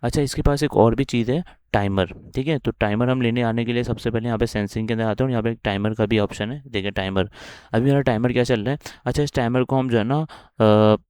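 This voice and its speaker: A man's voice: mid-range voice, steady tone, fast, darkish tone, clean tone, no room sound, clean studio sound. A man with a Pakistani accent teaching a coding lesson while recording his screen, walking through each step and often checking in with the listener.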